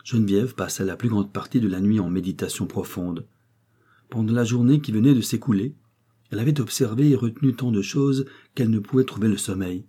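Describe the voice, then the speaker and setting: Male narrator, classic novel audiobook, dark mellow tone, husky, measured reading. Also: medium pitch.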